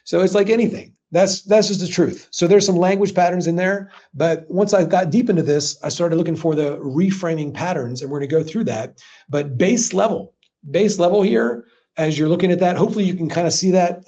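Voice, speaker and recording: A man's voice: high voice, a little fast. A man teaching sales objection handling in a live webinar, talking casually and acting out customer dialogue. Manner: energetic, conversational, acts out customer dialogue. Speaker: sales trainer. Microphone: video call.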